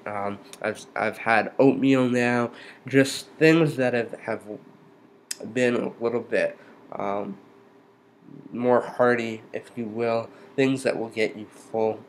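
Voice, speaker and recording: Slow, halting man with stiff post-surgery jaw. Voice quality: slightly impeded articulation from numb lower jaw and lip after jaw surgery. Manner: halting, hesitant delivery. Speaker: vlogger giving a surgery recovery update. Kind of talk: casual unscripted update talk. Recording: noticeable background noise, room ambience.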